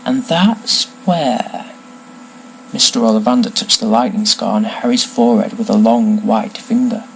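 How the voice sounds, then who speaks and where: A man reading a novel aloud as narrator, with expressive, lively storytelling. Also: mid-range voice, a little slow, vocal fry, slight background noise, low-quality recording.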